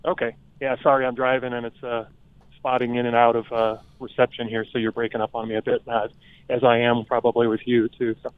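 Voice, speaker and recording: A man phones in to a radio show from his moving car, chatting easily as the reception keeps cutting out. His medium-pitched voice stays fairly flat and moves a little quickly, with a clean tone over a tinny, dry phone line.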